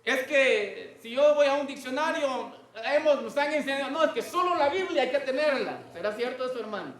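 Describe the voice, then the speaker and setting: A man's voice: very high-pitched, animated, normal speed, a bit bright, roomy sound. A man preaching a sermon to a congregation, often stopping to ask them questions.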